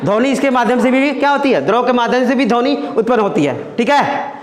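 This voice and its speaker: Speaking in a very high voice, animated and a little fast, a man teaches science to his class. He keeps it conversational, repeats himself, and frequently asks "है ना?", all captured in an echoey room.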